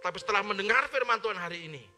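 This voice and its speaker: A male pastor preaching from the pulpit in a very high, piercingly bright voice. He talks loudly and forcefully, calling on the congregation to repeat his words. The live-streamed service has faint music in the background. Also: animated, rapid-fire. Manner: loud forceful preaching with call-and-response prompts. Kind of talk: sermon. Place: church.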